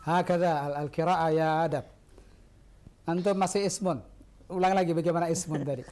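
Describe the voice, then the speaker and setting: A man's voice: a little high, steady tone, moderate pace, darkish tone. A man teaching an Arabic language lesson on air, patiently prompting and correcting his students.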